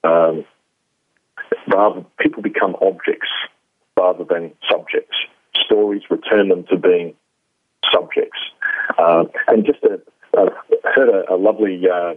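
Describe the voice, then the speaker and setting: A man's voice: sits low, husky, dry recording. A man with an Australian accent, a radio show guest talking casually and hesitantly, with many fillers and restarts. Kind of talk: casual interview talk. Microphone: phone. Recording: tinny phone line.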